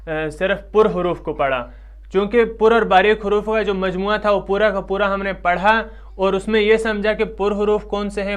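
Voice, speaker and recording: High, clear-voiced man teaching pronunciation. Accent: Pakistani Urdu. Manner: patient, repeats letters loudly and slowly to model pronunciation. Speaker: Quran recitation teacher. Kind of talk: tajweed lesson.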